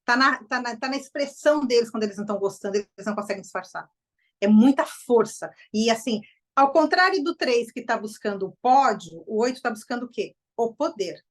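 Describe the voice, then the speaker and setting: A middle-aged woman with a Brazilian Portuguese accent giving an informal, animated lecture to a group. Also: a little high, brisk. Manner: lively, animated, acts out quoted voices. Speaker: enneagram presenter.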